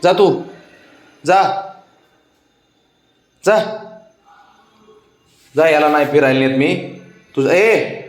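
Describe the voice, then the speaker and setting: A man's voice: fairly high pitch, very slow, pauses often. A man talking to his pet cat in a coaxing, teasing baby-talk voice, in a casual home video.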